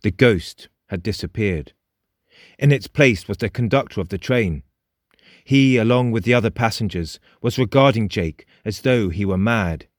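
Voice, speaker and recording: A man's voice: on the low side, no room sound, studio quality. Man narrating a suspenseful tale. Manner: measured and suspenseful, slowing for dramatic beats. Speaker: audiobook narrator. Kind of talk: scripted dramatic narration.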